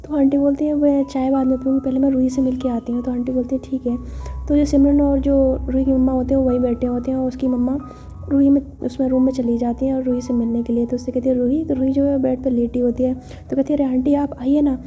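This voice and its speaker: A woman's voice: sits high, flat delivery, fast talker, dull audio, soft background music. A woman telling a story casually, retelling each scene and voicing the characters' lines herself. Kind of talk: casual storytelling narration with voiced dialogue.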